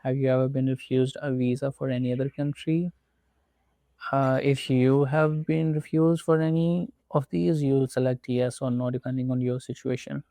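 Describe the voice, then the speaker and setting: Narrating a screen-recorded walkthrough, this Pakistani tutorial presenter, whose first language is not English, gives slow, methodical step-by-step instructions. His mid-range voice is gravelly and mellow with flat, even intonation, recorded dry and close without room echo.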